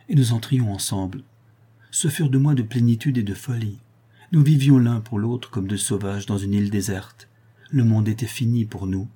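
Husky, mellow male narrator. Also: medium pitch. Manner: measured, expressive literary reading. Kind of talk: audiobook narration of a literary novel.

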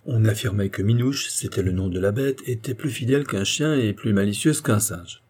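Low, husky male storyteller. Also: moderate pace, a little mellow. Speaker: narrator. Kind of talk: storybook reading.

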